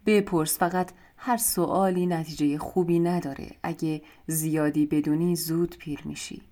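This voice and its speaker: Casting: grumpy old storybook witch, voiced by a woman narrator, curt and bossy, low and mellow. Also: steady tone, lightly acted. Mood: stern. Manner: commanding, curt. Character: stern old witch woman, grumbling and demanding.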